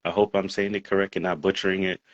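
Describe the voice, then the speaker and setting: A man's voice: low-pitched, flat delivery, fast talker, highs cut off. A man hosting an interview in a friendly, upbeat way, with some uh and um, over a video call. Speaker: interview host. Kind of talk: casual interview.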